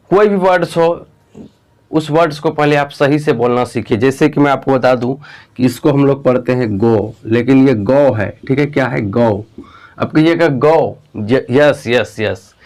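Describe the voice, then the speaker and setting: A man's voice: on the high side, darkish tone. Hindi-speaking man teaching English pronunciation. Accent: Bihari Hindi. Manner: addresses viewers as "my dear students", repeats words slowly to model pronunciation. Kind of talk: whiteboard classroom lesson.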